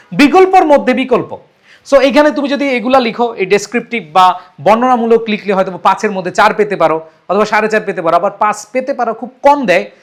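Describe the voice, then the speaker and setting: A man's voice: high voice, a bit bright. A young man teaching an exam-prep lesson, emphatic and repeating key points while mixing in English words. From Bangladesh.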